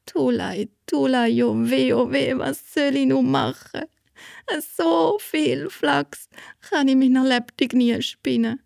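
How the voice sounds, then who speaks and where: A woman voicing a lazy young girl who wails and stammers in a high, whiny voice. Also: takes it slowly, creaky, darkish tone, no room sound, clean studio sound, heavily acted. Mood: wailing.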